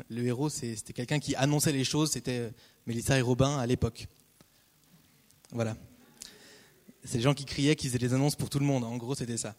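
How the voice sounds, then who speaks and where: A man preaching a casual, conversational sermon, repeating key phrases and breaking off into lively asides. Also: medium pitch, fairly quick, pauses often. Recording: long hall reverb.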